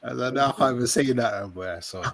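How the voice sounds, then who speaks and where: A man chatting casually as a guest, halting and repeating his words amid slang. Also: mid-range voice, vocal fry, over a noisy crowd. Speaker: podcast guest.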